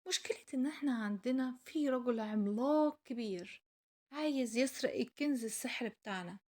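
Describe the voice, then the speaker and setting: A woman's voice: on the high side, brisk, a little mellow, close to an everyday voice. A woman with an Egyptian Arabic accent voicing a tiny, earnest magical boy asking for help in a storybook tale. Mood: earnest, pleading. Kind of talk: storybook character acting.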